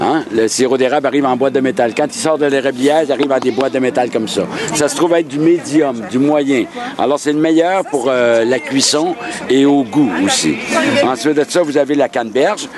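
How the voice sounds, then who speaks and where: Male stall vendor, Quebecois accent, mid-pitched voice, chatty and casual product talk outdoors. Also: brisk, few pauses, crowd noise. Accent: Quebecois French. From Quebec, Canada. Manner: chatty, frequent tag questions. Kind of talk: casual product presentation in an interview. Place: outdoor city winter market.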